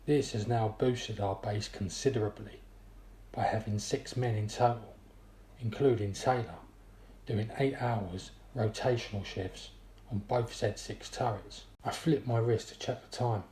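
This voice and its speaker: A man narrating a first-person story in a steady, descriptive reading. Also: fairly low pitch, unhurried. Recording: roomy echo.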